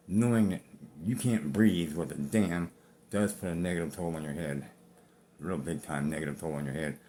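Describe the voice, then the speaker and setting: A very low-pitched man in his fifties speaks short of breath. He talks bluntly and rambles, swearing freely as he tells his own story to camera. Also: a little mellow, slight background noise. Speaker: vlogger. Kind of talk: personal talk to camera.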